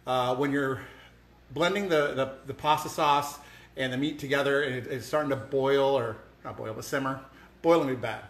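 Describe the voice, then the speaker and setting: Guy hosting his home cooking show, rambly with lots of uhs, average pitch, echoey kitchen. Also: normal speed, fairly bright tone. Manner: rambling, many fillers and restarts. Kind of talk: casual cooking talk to camera. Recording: echoey room.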